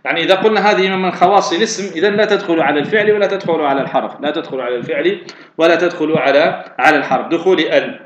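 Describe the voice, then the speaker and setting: A man teaching a grammar lesson at a quick clip, his voice sitting slightly high. He puts questions to himself and answers them, with fillers and restarts throughout. The recording is echoey and dull, with a faint hiss behind it. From Tunisia.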